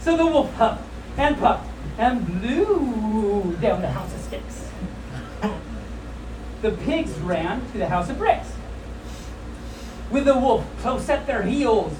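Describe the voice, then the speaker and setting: Filmed by a distant camera in an indoor convention room full of people, this storytime host at a fan convention reads a funny children's story with casual, joking, chatty asides. Her voice is fairly high with lively intonation, and she speaks slowly with long pauses. The audio is echoey and distant, with background noise.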